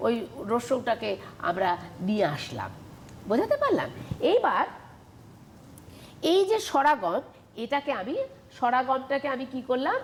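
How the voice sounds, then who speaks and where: A woman's voice: high voice, sing-song, measured pace, pauses often, slight background noise. Patient woman teaching grammar on TV. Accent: Bengali. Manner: repeats questions to students, explains patiently. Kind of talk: televised Bengali grammar lesson.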